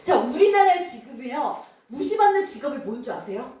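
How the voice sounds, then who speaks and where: Animated woman teaching children in echoing hall. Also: high-pitched, fairly quick. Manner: animated, quizzing the children, laughing often. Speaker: children's Sunday school teacher. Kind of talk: children's sermon. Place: church hall. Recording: echoey church hall from far off.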